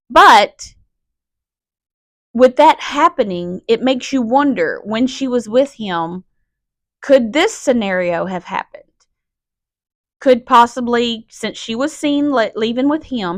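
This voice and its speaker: A woman's voice: on the high side, fairly bright tone, dry recording. Raw-voiced woman podcaster. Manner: raw, emotional, speaks in halting restarts. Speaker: podcast host. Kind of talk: personal monologue.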